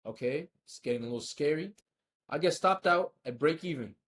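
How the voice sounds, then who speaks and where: A man going back over his own trades, frustrated and scolding himself, swinging between loud outbursts and low muttering. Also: lively intonation, fairly quick. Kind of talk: self-critical screen-share trade recap.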